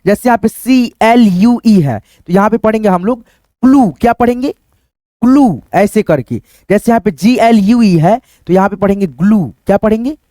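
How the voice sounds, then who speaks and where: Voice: medium pitch, mellow, no echo. Teacher going over phonics one word at a time, keeps calling viewers friends, no room sound at all. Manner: repetitive, addresses viewers as friends. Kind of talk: phonics lesson on a whiteboard.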